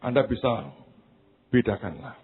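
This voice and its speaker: A man preaching with a husky, breathy voice that climbs into high shouted passages and drops to quiet asides. He tells funny stories and acts out what people said. The sound is thin and narrow, like a phone line. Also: big pitch swings, a little slow. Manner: tells humorous anecdotes and acts out quoted voices. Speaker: pastor. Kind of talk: sermon.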